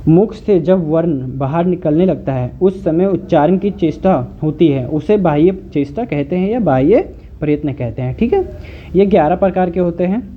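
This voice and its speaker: Man, tutor, slow repetitive explaining, thin lo-fi audio, faint hiss. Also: fairly high pitch, expressive. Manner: explains slowly, repeating each term, frequent "okay". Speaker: Sanskrit tutor. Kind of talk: online lecture.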